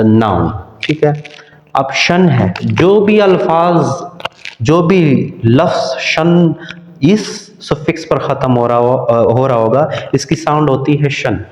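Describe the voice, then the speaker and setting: A male teacher giving a grammar lecture, speaking slowly and repeating words, spelling them out letter by letter. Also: medium pitch, a little mellow, slight background noise. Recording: dull echoey room recording.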